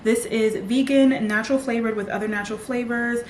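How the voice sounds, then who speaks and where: A woman's voice: fairly high pitch, steady tone, brisk, a little mellow. Young woman vlogging to her camera, rambly with lots of likes, roomy echo and a little hum behind. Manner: chatty, filler-heavy, lots of "like". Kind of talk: casual vlog chat to camera. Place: home.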